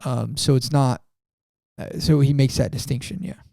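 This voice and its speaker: Male podcast co-host, mellow tone, dry sound, halting delivery with many fillers. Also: mid-range voice, steady tone, creaky, no echo. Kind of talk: casual theology discussion.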